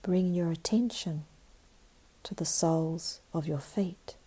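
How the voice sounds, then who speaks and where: A woman guiding a meditation in a calm, meditative tone, with a soft, breathy voice and long pauses. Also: fairly low pitch. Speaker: meditation guide. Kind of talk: guided meditation narration.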